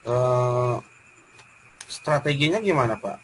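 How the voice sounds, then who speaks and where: A man with a West Javanese Indonesian accent, coaching a colleague with polite questions. He talks very slowly at a medium pitch. A faint noise runs behind him. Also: animated, rough recording. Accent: Indonesian, West Java. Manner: polite questioning, addressing the other as Pak. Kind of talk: coaching practice conversation.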